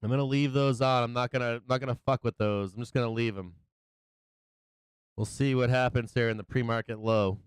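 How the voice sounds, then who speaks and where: A man's voice: mid-range voice, fairly even intonation, brisk, smooth, no echo. A man hosting a live trading show with casual, blunt, profane and slangy commentary, often joking as he goes. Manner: jokey, chuckles often at own remarks. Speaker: host of a live stock market show.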